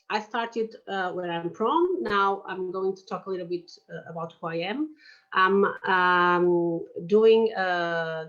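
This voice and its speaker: A Portuguese woman in her forties, with a Portuguese accent and a medium-pitched voice, presents an online lecture on oral surgery. Her phrasing is hesitant and full of fillers, and the sound is lo-fi.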